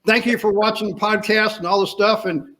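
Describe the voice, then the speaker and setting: A man with a high-pitched, sharp voice hosts a podcast via video call, speaking a little fast in a steady tone. The interview chat is casual, though he delivers it emphatically with rhetorical questions.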